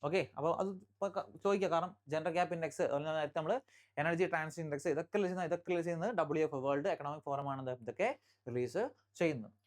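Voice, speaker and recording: A teacher from Kerala giving an exam-prep current affairs lecture. The teacher repeats key facts, checks in with listeners often, and reads English headlines slowly before explaining them. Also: medium pitch.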